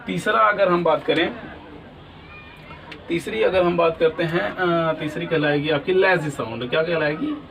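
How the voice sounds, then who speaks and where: A man's voice: fairly high pitch, unhurried, creaky, a bit bright, distant mic, slight background noise, low-quality recording. A man teaching an English lesson, asking questions and answering them himself, often checking that students follow. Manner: repeats "ठीक है ना?" often. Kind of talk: classroom lesson.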